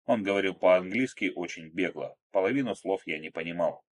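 A man narrating an action story in a steady, measured, dramatic reading. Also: deep voice. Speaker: audiobook narrator.

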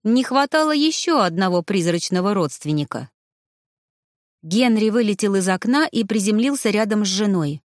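Woman narrator, mid pitch, expressive story read, very dry close sound. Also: moderate pace, no echo. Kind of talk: first-person audiobook narration.

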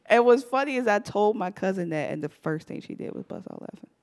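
A young woman hosting a podcast, telling a personal story to a live audience, animated and laughing often. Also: mid-range voice. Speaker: podcast host.

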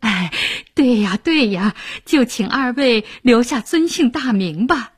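A woman's voice: on the high side, sing-song, unhurried, husky, pitched above the performer's own voice, full character voice. A woman doing a cheerful young noble wife. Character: cheerful young married noblewoman, sister-in-law.

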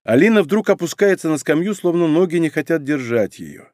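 A man narrates a novel with an expressive, dramatic reading. His voice sits a touch high for a man. The studio sound is dry and close. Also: fairly quick, no echo. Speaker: audiobook narrator. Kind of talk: scripted narration. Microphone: studio microphone.

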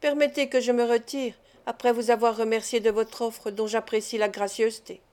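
A woman's voice: on the high side, flat delivery, moderate pace, darkish tone, lightly acted. Woman reading a reserved young doctor. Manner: polite, curt.

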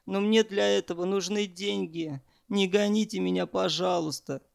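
A man's voice: steady tone, unhurried, gravelly, no echo, studio quality, heavily acted. A man voicing a cowardly young trainee who keeps crying and pleading. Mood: sobbing plea. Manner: pleading, tearful, high-strung.

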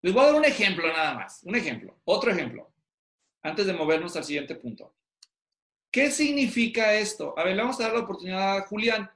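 High-voiced man teaching pastors. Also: big pitch swings, fairly quick, fairly bright tone. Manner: questioning, drawing answers from students. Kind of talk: interactive online class. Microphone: video call. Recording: roomy echo.

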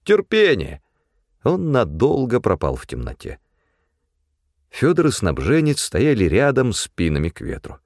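Brief: male audiobook narrator, lively pitch, dry close sound. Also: no room sound. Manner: measured, expressive storytelling.

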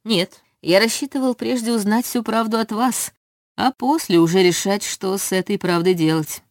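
A woman's voice: medium pitch, normal speed, no echo, clean studio sound, pitched above the performer's own voice, close to an everyday voice. A woman reading a stern male rector. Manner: demanding, interrogating. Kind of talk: audiobook reading.

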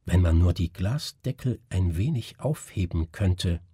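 A man reading a puzzled, musing gentleman. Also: low-pitched, lively intonation, measured pace, husky, no room sound, studio quality, exaggerated voice. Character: curious scholarly gentleman, astonished.

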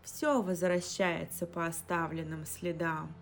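A woman voicing Shel, a slow grave spirit. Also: fairly low pitch, steady tone. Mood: solemn. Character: ancient female spirit speaking through a dying warrior. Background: instrumental music.

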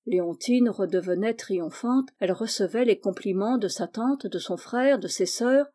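A woman reading a classic novel aloud in measured, clear narration. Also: mid-range voice, mellow. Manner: measured and clear, acts out the dialogue. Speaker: audiobook reader.

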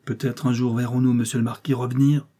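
A devout peasant wife begs her husband gently, her voice soft and imploring. A man reads her in a storybook reading, keeping a husky, mellow tone. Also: medium pitch, level tone, fast, natural voice. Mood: anxious. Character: pious, gentle peasant wife, anxious and pleading.

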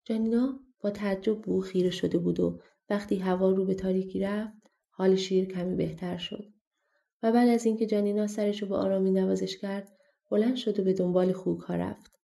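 Gravelly-voiced woman reading a storybook. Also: mid-range voice, steady tone, dark tone. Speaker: audiobook narrator. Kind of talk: storybook narration.

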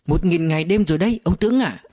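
A man's voice: on the high side, fast, mellow, no echo, clean studio sound, voice pushed up, lightly acted. A man voicing an affectionate young village wife who speaks in a coaxing, playful way. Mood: teasing, fond.

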